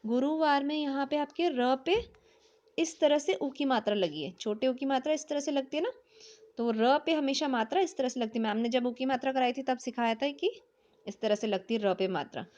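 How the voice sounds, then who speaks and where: A woman's voice: sits high, moderate pace, darkish tone. A woman teaching young children, mixing Hindi and English, spelling words letter by letter and checking often that the class follows. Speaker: primary school teacher. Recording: dull lo-fi recording.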